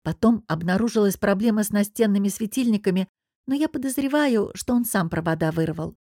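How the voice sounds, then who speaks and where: A woman's voice: medium pitch, a little fast, dark tone, dry recording, clean studio sound, close to an everyday voice. A woman reading a story, voicing a young female hotel administrator who complains wearily about a guest. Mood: complaining. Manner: complaining, weary.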